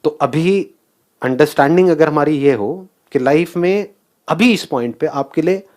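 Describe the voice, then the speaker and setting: A man's voice: a little high, normal speed, darkish tone. A man giving a motivational talk, asking the audience questions and mixing English phrases into his speech. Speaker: motivational speaker.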